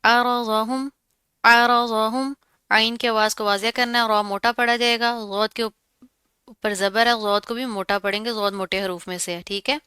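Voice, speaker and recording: A woman's voice: mid-range voice, steady tone, a little fast, bright, forceful tone, clear, resonant tone, no echo. A woman teaching Quran recitation, who explains each sound patiently and asks and answers her own questions. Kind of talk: tajweed lesson, explaining and reciting.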